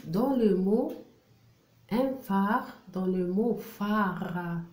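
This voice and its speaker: Slow, careful woman teacher. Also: mid-range voice, a little mellow. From Algeria. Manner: slow, careful, repeats syllables one by one. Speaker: primary school French teacher. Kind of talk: reading lesson for young children. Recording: roomy echo.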